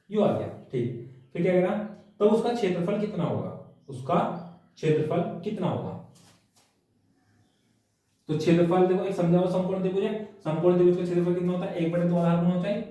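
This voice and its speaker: A high-pitched male maths teacher with a mellow, dark tone. He talks each step through aloud, firing rhetorical questions at his students. The sound is very echoey, as if the mic sat some way off in a bare room. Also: far from the mic. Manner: habitual "है ना" and "ठीक है भैया" tags. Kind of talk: worked-problem maths lesson.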